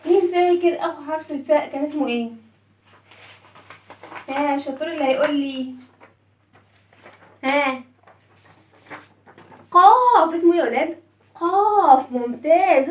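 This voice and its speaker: A woman's voice: high voice, lively intonation, normal speed, long pauses, roomy sound, recorded from a distance. A woman with an Egyptian Arabic accent teaching children their letters, asking questions and praising their answers, and telling the letters' story as characters. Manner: call-and-response, praising children. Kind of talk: children's phonics lesson.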